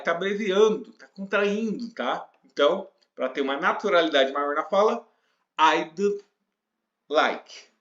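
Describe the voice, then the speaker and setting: A man with a Brazilian Portuguese accent teaching English in a casual lesson, explaining patiently and reading example lines slowly. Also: fairly high pitch, a bit bright. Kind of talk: casual spoken language lesson. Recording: roomy, dull lo-fi sound.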